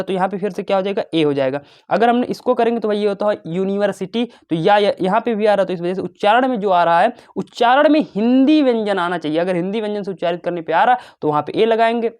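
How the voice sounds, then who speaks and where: A man's voice: high-pitched, darkish tone, clear, resonant tone. A young man teaching a casual lesson, chatty and brotherly, asking and answering his own questions. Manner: chatty, calls students "bhai" and "babu", asks and answers his own questions.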